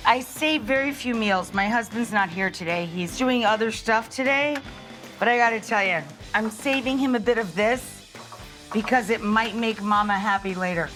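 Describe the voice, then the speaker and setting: A woman's voice: a little high, normal speed, fairly bright tone, soft background music. A middle-aged woman hosting a cooking show, chatting enthusiastically to viewers while she demonstrates a recipe in a studio kitchen.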